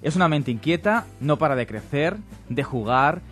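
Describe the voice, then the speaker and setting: A male radio host with a mid-range voice that swings widely up and down as he introduces a guest with enthusiasm. Soft music runs faintly beneath him. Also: on the high side, expressive, moderate pace. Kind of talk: radio talk show presenting.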